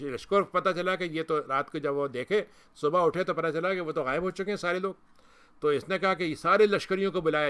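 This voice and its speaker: Bright clear-voiced man teaching scripture. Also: fairly high pitch. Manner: retells scripture and quotes Arabic verses, with frequent restarts. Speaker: Islamic scholar and lecturer. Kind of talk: Quran commentary lecture.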